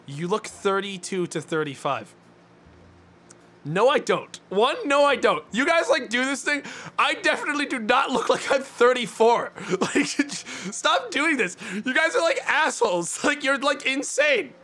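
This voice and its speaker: Bright-voiced young man ranting at chat. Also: extremely high pitch, sing-song, a little slow. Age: 20s. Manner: ranting, mock-indignant, swearing. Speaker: streamer. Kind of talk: casual chat with viewers. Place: small dim room indoors.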